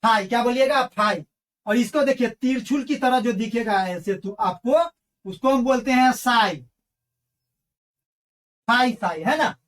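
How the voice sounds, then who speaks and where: A woman teaching math online has a high voice and is recorded from a distance. She calls her viewers friends and drills the students with call-and-response questions.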